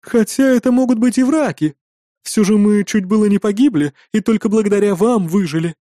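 A man putting on a hulking tavern keeper woman with a big, booming voice that spills over with feeling. She sits well above his usual pitch, and the sound stays dry and close. It is a storybook voice. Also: fairly quick, warm tone, no echo, natural voice. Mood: gushing. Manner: booming, gushing, then stern. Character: mighty loud effusive innkeeper woman. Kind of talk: audiobook character voice.

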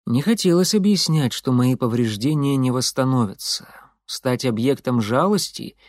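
A man narrating an audiobook in the first person, telling the story in a lively, expressive way. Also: medium pitch, normal speed, no echo. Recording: dry close studio sound.

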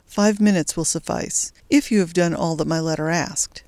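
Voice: medium pitch, a little mellow, dry recording, natural voice. A reader voicing a bold young resistance fighter. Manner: brisk, determined. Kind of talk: audiobook character voice.

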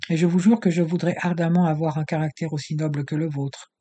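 A calm, gracious gentleman with a very dark, mellow tone and a husky edge, read by a man in an audiobook. He speaks with measured courtesy, slightly high for a man. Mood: earnest. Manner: measured, polite address. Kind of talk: audiobook character reading.

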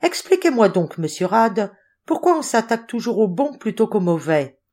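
A woman's voice: mid-range voice, sing-song, moderate pace, warm tone, pitched above the performer's own voice. A woman reading the part of a senior male clerk who argues his point earnestly. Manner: questioning, earnest.

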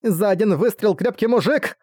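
A man's voice: high voice, sing-song, fast, darkish tone, no room sound, studio quality, voice pushed up. A man doing chirpy young fan-club girls. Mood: chanting. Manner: eager, chirpy, rallying. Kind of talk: audiobook character voice.

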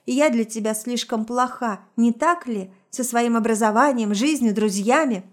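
A woman reading aloud puts on a jealous young woman close to hysteria. Her voice pitches high and loud, shrill and accusing, pushed well above the calm narration. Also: normal speed, close to an everyday voice. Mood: shrill, angry. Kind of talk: audiobook reading of a story.

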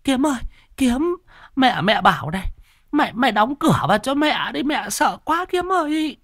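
A man's voice: very high voice, sing-song, takes it slowly, a bit bright, no echo, studio quality, voice pushed up, heavily acted. A man voicing a terrified old village woman who stammers and wails her pleas in a storytelling piece.

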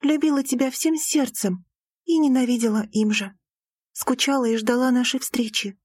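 A woman reading an audiobook, voicing a naive, devoted young bride in a higher, earnest, emotional tone. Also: fairly even intonation, normal speed, a little mellow, breathy edge, no echo.

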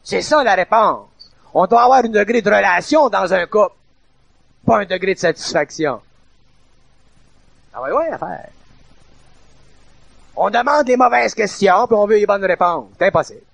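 A middle-aged man with a Quebec French accent delivers an informal, emphatic lecture, restating and rewording his points in colloquial speech. His voice is high, brisk and fairly bright, with vocal fry.

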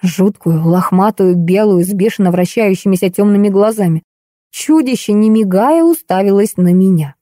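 Brief: woman audiobook narrator, mellow and warm tone, lively ironic telling, dry close recording. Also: mid-range voice, moderate pace, no room sound. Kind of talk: first-person audiobook narration.

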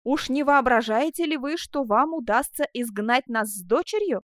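A woman voicing a curt, gruff old nobleman. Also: mid-range voice, steady tone, brisk, darkish tone, no echo, clean studio sound, lightly acted. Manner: curt, brusque.

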